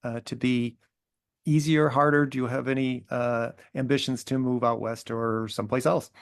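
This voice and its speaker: A man's voice: medium pitch, steady tone, normal speed. A man interviewing a filmmaker, asking long, rambling questions full of hesitations.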